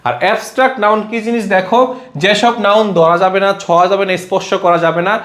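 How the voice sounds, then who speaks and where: A man's voice: high-pitched, fast, a bit bright. A man teaching an exam-prep grammar lesson who asks his students questions and then answers them himself, going over each rule again. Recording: echoey room.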